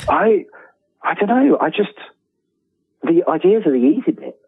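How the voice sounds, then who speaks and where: This man's voice sits high and swings widely in pitch, gravelly with a breathy edge, at a moderate pace. As a freelance writer being interviewed, he talks loosely and self-deprecatingly, often starting sentences over. It's captured on a tinny, phone-like line that echoes in the room.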